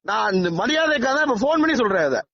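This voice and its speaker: A man's voice: very high voice, sing-song, quick pace, gravelly, a bit bright, no room sound. A man from Tamil Nadu, a legislator, heard over a phone line making insistent, threatening demands in a heated private call. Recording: muffled phone call recording.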